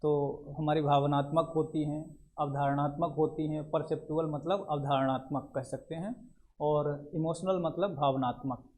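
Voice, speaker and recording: A man's voice: a little high, a little mellow. A male lecturer, explaining terms in a classroom lecture and mixing in English words. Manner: explains terms in Hindi with many English words, repeats fillers.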